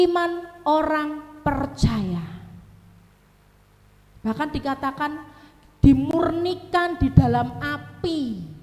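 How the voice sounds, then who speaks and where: Animated Javanese-accented woman preaching. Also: high-pitched. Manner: animated, mixing in Javanese asides and acted family quotes, laughing at her own stories. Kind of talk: sermon. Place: church hall. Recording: echoey church hall with long reverb.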